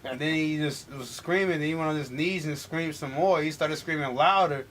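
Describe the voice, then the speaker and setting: A man's voice: on the high side, moderate pace, fairly bright tone. A young adult man from Milwaukee, a rapper being interviewed, who talks loosely with slang and frequent restarts. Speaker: rapper guest. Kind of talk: casual interview chat. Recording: faint background noise.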